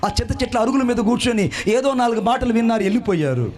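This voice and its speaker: A man preaching a fervent sermon, telling his own story and rising into shouts and chanted phrases. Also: extremely high pitch, expressive, quick pace. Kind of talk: sermon with personal testimony.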